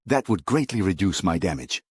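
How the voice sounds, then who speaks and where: A man voicing a cold, calculating young male warrior hero who speaks in a cool, matter-of-fact way, with a slightly husky tone. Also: deep voice, very animated, brisk, dry recording, studio quality, pitched below the performer's own voice, full character voice.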